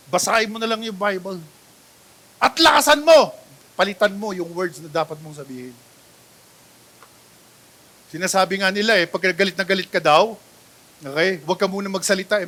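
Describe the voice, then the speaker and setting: A Filipino pastor preaches a sermon in a church sanctuary, mixing Tagalog and English. Animated and high-voiced, he often asks "di ba?" and swings between loud exclamations and soft asides.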